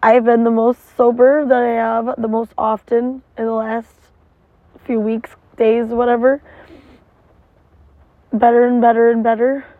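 A woman's voice: a little high, flat delivery, a little slow, pauses often, no echo. Tinny, phone-like recording of a rambling woman. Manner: rambling, emotional, frequent swearing. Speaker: vlogger. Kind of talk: casual confessional monologue. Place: inside a parked car in the rain.

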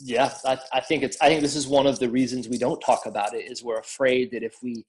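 A man working as a counselor, calmly explaining in an interview, speaking with frequent ums and uhs. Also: medium pitch, a little fast, rough recording. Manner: calm, many fillers, acts out quoted voices.

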